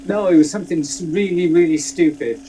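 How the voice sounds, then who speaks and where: An older man, talking in a relaxed, mellow voice that sits a little high for a man. He rambles through his stories with plenty of restarts, and a faint noise runs underneath. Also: a little fast, low-quality recording. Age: 60s. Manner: rambling, self-deprecating storyteller. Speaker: guest. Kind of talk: casual chat.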